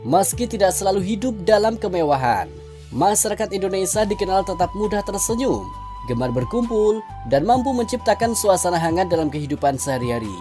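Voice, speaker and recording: A woman's voice: medium pitch, very animated, fairly quick, dark tone, faint music behind. A woman reading scripted documentary-style narration.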